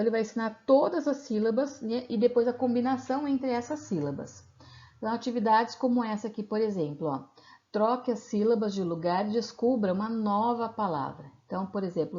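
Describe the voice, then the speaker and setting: Speaking at a medium pitch with a darkish tone, a woman teacher with a Brazilian accent explains a lesson patiently in a recorded video lecture. She checks in often with little tag questions. The lo-fi recording sounds slightly dull.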